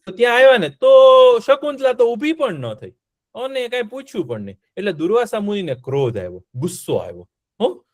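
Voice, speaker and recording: A man telling a story to children, animated, asking them questions and repeating words. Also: high-pitched, fairly quick, no room sound, studio quality.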